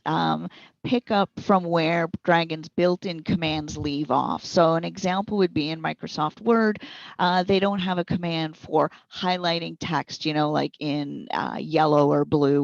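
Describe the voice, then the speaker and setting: In an interview, a woman who works as a speech recognition consultant and trainer walks through practical, step-by-step explanations with examples. Her voice sits low and sounds gravelly, and the recording is muffled with no room sound.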